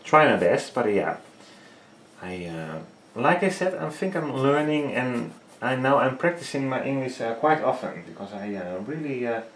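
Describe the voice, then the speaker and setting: In a small indoor home art studio, a Dutch-accented man in his thirties paints and chats for a casual vlog, his English (a third language after Dutch and Frisian) halting and full of fillers as he hunts for words. His medium-pitched voice is expressive and moderately paced. The echoey recording carries a little hiss or hum.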